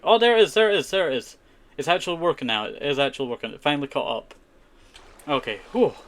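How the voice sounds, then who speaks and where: With a medium-pitched, fairly bright voice, this Scottish man, whose first language is Scottish Gaelic, streams games live. His commentary wanders chattily, and he tends to say short phrases more than once.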